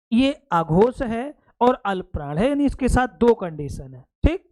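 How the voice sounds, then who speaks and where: In a very high-pitched, slightly mellow voice, this Hindi teacher walks his exam-prep class through the material one step at a time. He repeatedly asks if they've got it, affectionately addressing them as "beta".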